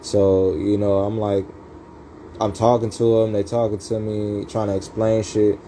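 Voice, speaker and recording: A man's voice: lowish voice, little pitch movement, unhurried, warm tone, slight background noise, rough recording. A man telling his life story in a rambling, profane livestream, heavy with street slang and fillers.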